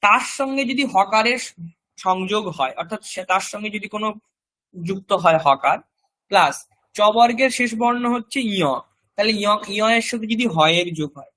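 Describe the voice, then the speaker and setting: A man, teaching a recorded language class. He explains step by step and repeats example words slowly so students can copy them. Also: high-pitched, animated, bright, forceful tone.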